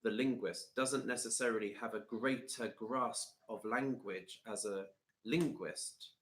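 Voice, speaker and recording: Bright-toned man in an echoey room. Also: mid-range voice, a little slow. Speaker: co-host trainer. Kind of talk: live online session talk.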